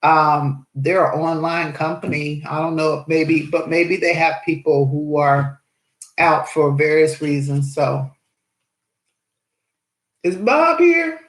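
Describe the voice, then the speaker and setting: Slow-talking cheerful woman host. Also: deep voice, level tone, echoey room, rough recording. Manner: cheerful, chatty, greets viewers. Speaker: aquarium channel host. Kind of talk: casual live-stream chat.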